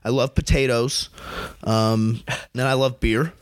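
A man's voice: mid-range voice, fairly even intonation, a little slow, clean tone, no echo. A young man hosting a podcast in rambling, profane, laid-back casual chat. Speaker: podcast host.

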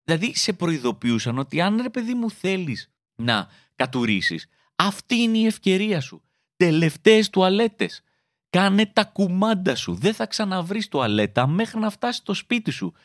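A man's voice: no room sound, clean studio sound. A young adult man doing a comedic monologue, acting out quoted voices as he tells stories. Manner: animated, acts out quoted voices with big pitch jumps. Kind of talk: stand-up style comedic monologue.

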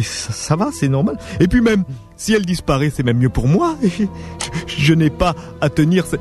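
A man's voice: on the high side, darkish tone. A man playing a rich, pushy, boastful man in a radio drama who stammers and gives orders, with faint music behind. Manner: stammering, bossy, laughs at his own words.

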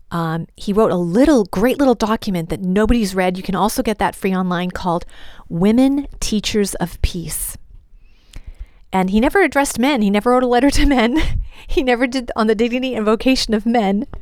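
A woman, a religious sister, giving a lively podcast teaching talk, emphatic and quick to laugh, posing questions and answering them herself. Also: medium pitch, no room sound, clean studio sound.

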